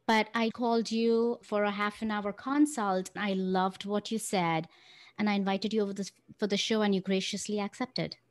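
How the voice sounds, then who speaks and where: A woman hosting a podcast, speaking in a measured, deliberate way and slowing down to stress key words. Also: mid-range voice, fairly even intonation, dry recording. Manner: measured, deliberate delivery with slowed emphasis. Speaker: podcast host. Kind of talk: scripted podcast introduction and interview. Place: currently in India.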